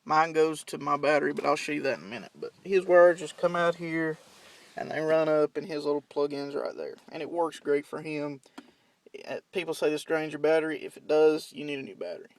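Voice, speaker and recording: In and around parked vehicles at home, a young man, a CB radio hobbyist, walks through a demonstration step by step. He talks casually and plainly without a script, in a voice on the high side and a little fast.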